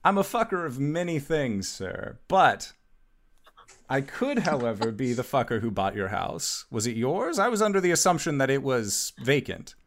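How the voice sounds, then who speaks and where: A man's voice: mid-range voice, very animated, moderate pace. A man voicing a cocky, flippant male rogue with smug, arch phrasing. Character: cocky, flippant, red-haired male rogue with foppish flair.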